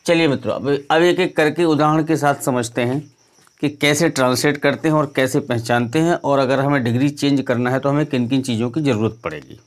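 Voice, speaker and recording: A man's voice: medium pitch, fairly quick. A middle-aged man teaching English grammar in a video lesson, who keeps asking the viewer questions and then answers them himself. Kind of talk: explanatory classroom lesson.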